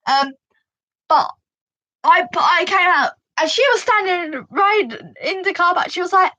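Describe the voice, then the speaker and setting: Bright-voiced chatty British woman. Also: very high-pitched, unhurried, no echo, poor audio. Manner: chatty and animated, full of "like" and "you know". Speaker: vlogger giving driving advice. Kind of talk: casual storytelling to camera.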